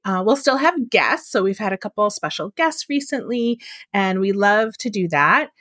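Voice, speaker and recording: Friendly woman librarian host, laughs easily, mid pitch, dry close mic. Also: expressive, moderate pace, fairly bright tone, no room sound. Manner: giggly, friendly, hesitant fillers. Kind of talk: casual chat.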